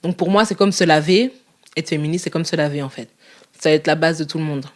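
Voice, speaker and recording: A young woman in a casual interview, talking candidly in a quick, lively way and laughing often. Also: low voice.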